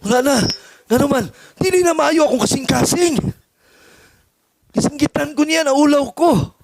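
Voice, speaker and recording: High-voiced storytelling male preacher. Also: normal speed, vocal fry, no room sound, studio quality. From Philippines. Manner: animated storytelling, acts out dialogues, chuckles. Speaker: pastor. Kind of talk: sermon.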